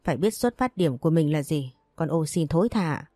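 A sly, jealous young schemer, sneering and mock-innocent, as a woman reading the audiobook puts her on. The voice is low-pitched and mellow, recorded close and dry. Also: lively intonation, a little fast, dry recording.

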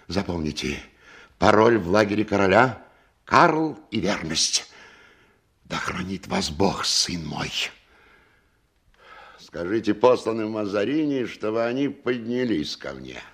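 An actor playing a pious, commanding middle-aged general, solemn and theatrical, with grand, unhurried courtesy. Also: male voice, low voice, very animated, a bit bright, slightly rough, heavily acted. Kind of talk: dramatic screen acting.

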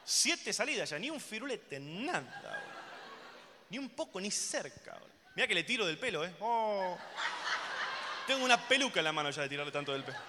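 A young man with a Rioplatense accent works a live stand-up set, his voice sitting high and leaping all over the place. He slips in and out of crude put-on voices and keeps addressing the crowd. The sound carries a long hall reverb with clear audience noise behind it. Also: big pitch swings, fairly quick. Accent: Rioplatense Spanish. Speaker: stand-up comedian.

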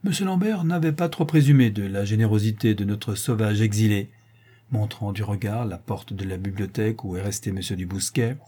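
A man reading the part of an eloquent, composed young gentleman host in a storybook reading. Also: lowish voice, a little fast, slightly rough.

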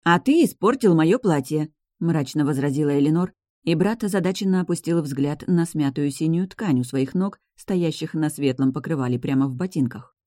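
A woman narrating a storybook chapter aloud, with expressive storytelling. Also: deep voice, brisk, no echo, clean studio sound. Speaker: audiobook narrator. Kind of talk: scripted narration.

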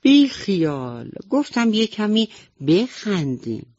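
A woman voicing a playful, mischievous little monkey in a children's bedtime radio story, in a high, lively teasing voice. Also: no room sound. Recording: dull lo-fi radio recording.

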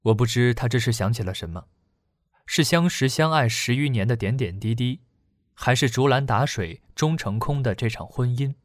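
A man narrating a serialized novel in a steady storytelling voice. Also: mid-range voice, moderate pace, no room sound, studio quality. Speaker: audiobook narrator. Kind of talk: scripted narration.

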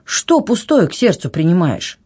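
A woman's voice: lowish voice, sing-song, normal speed, dark tone, slightly rough. A woman voicing a flustered aunt pleading for peace. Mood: anxious.

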